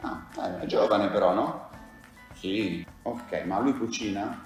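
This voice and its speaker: A woman whose bass voice is slow and a little mellow interviews a child in a pretend casting, teasing and encouraging the youngster. The room is very echoey, with faint music in the background.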